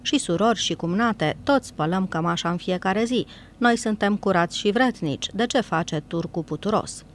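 A woman's voice: mid-range voice, slight background noise, natural voice. A woman voicing an angry young foreign boatman who speaks in broken grammar. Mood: furious. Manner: broken grammar, hot-tempered.

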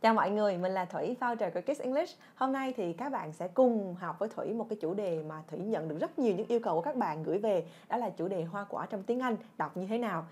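A young woman teaching fruit names in a lively video lesson, drilling words by repetition and revealing each with a playful cry. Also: mid-range voice, fast talker, few pauses, faint music behind. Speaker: English teacher, channel founder.

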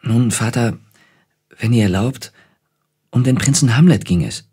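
A man reading a children's audiobook, voicing a shy, obedient young noblewoman who speaks in a hesitant, quiet way with a husky tone. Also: medium pitch, lively intonation, normal speed.

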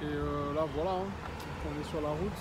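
A man's voice: a little high, fairly even intonation, moderate pace, heavy background noise. A man in his twenties chatting casually to his vlog followers in informal French street slang. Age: 20s. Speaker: travel vlogger. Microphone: phone at arm's length.

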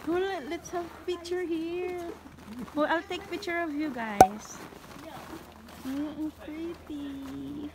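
High-voiced young woman vlogging outdoors. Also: steady tone, slow, heavy background noise. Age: young adult. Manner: mixes Tagalog and English, chatty. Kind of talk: casual vlog chat. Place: outdoor ice castle park in winter. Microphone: phone at arm's length.

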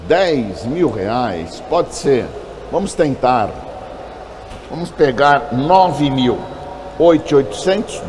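A man's voice: medium pitch, noisy background. A Brazilian man working as an auctioneer, chanting bids in short, repeated number phrases. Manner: repetitive bid calling, clipped number phrases.

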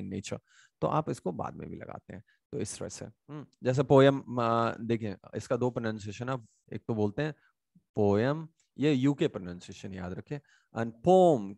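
A man with an Indian English accent teaches grammar in Hindi, asking questions and answering them himself. His voice has a gravelly, fry-tinged edge. It is recorded close and dry, with no room sound. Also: medium pitch, darkish tone, dry recording. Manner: many hesitation sounds and restarts. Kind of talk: online grammar lesson.

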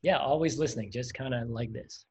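This coding instructor has a husky, medium-pitched voice and speaks fairly quickly. Teaching his livestreamed lesson, he keeps things chatty, explains as he goes, and laughs a lot, all over dull, lo-fi stream audio.

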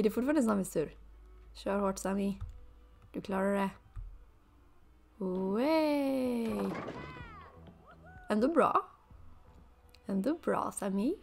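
A woman talks through her game in a casual let's play, chatty and loose. Her voice has a gravelly fry to it, and she breaks into sudden excited high bursts between soft asides. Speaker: gaming video creator.

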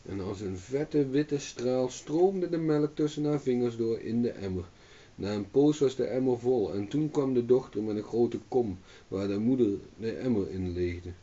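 A man reading a fairy tale aloud as a storyteller, in calm steady narration, on a dull distant recording. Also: medium pitch, moderate pace.

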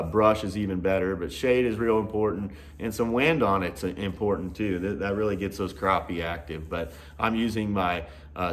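A man in his thirties giving a casual fishing report to camera from a garage workshop, relaxed, with frequent "uh" and "you know" fillers. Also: on the low side. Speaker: fishing guide and host. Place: indoor garage workshop with tackle shelves.

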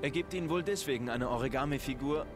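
A man playing a serious, analytical investigator in a dubbed video game, giving a measured, matter-of-fact briefing. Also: medium pitch, over music, natural voice. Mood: serious, factual. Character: serious analytical male investigator in his thirties.

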